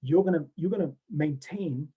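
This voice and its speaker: A man from Zimbabwe, an interview guest, talking in an animated and reflective way with many asides. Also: fairly high pitch, moderate pace, husky, phone-quality sound. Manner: animated, reflective, talks in long chains with many "you know"s. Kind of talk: casual interview chat.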